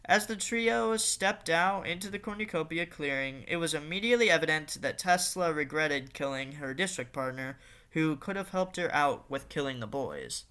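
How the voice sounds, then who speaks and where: A man's voice: a little high, animated, normal speed, sharp tone, clean tone. A man narrating a fan-made story in a casual reading style, with occasional fillers and restarts.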